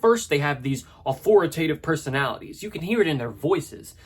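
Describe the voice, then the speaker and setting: A man with a husky voice narrating a scripted video essay in a conversational, analytical way, with casual asides. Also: a little high, very animated, a little fast.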